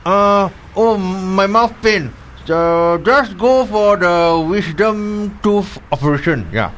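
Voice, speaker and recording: A man's voice: high-pitched, slow, a bit bright, a little hiss or hum. A Singaporean man playing an evasive drunk driver in a comedy sketch, mumbling with his mouth closed. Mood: nervous, evasive. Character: evasive drunk male driver bluffing a policeman. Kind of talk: comedy podcast sketch acting.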